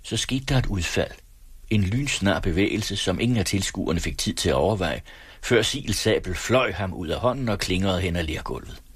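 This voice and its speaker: Deep, husky male audiobook reader, dry close-miked sound, steady and measured. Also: dry recording. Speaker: audiobook narrator. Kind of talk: scripted narration.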